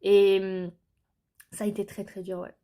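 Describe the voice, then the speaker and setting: A woman's voice: mid-range voice, flat delivery, moderate pace, mellow. A young woman from France telling her life story to the camera in an earnest, hesitant way, with many filler sounds and restarts.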